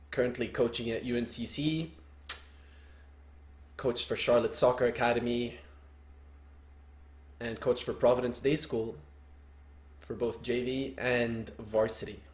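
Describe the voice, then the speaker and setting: A relaxed, dry-humored young Lebanese man co-hosts a soccer coaching podcast, chatting casually. His mid-pitched voice is captured in a roomy, echoey space.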